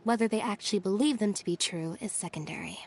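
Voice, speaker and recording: Game role: actress as cool young sister, detached and level-headed, mid-range voice, faint ambient noise. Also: female voice, mid-range voice, fast talker, close to an everyday voice. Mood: cool, analytical. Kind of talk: video game dialogue.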